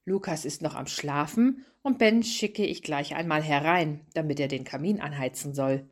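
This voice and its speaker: A young mother in a storybook, read by a woman, cheerful and affectionate, speaks with a playful lilt. The voice stays in a low register. It is a simple reading rather than a full character turn. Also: moderate pace. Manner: warm, playful.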